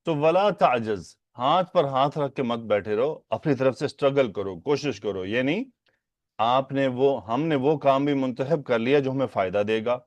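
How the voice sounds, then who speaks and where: A man's voice: medium pitch, no room sound. Man teaching a religious text, dry sound. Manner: explains slowly, repeating Arabic phrases and asking rhetorical questions. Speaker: hadith teacher. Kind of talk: Urdu lesson on Arabic hadith grammar.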